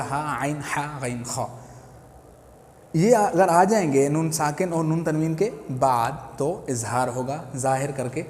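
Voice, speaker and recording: A man with an Urdu accent teaching Quran recitation, a patient teacher who repeats each term slowly. His voice sits a little high for a man. The room is echoey with a long reverb tail and faint ambient noise behind him. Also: darkish tone. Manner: patient, explains step by step and repeats key terms. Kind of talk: teaching a lesson.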